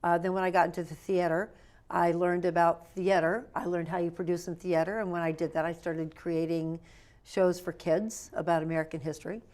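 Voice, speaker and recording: A woman guest in an interview, chatting in a playful, animated storytelling way. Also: lowish voice, fairly quick. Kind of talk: lively interview chat.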